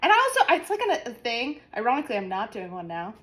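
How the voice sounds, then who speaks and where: A woman's voice: a little high, huge pitch swings, fast, fairly bright tone. A young woman co-hosting a podcast, telling stories in a rambling casual chat full of fillers. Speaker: podcast co-host.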